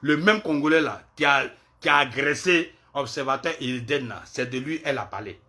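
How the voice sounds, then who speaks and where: A man ranting in a commentary video, heated and repetitive, swinging between loud outbursts and low muttering. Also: normal speed. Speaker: online commentator.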